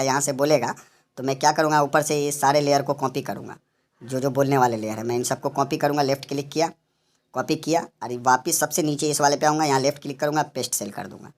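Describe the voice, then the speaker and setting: A man narrating a software animation tutorial, explaining each step as he works and often addressing viewers as friends. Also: a little high.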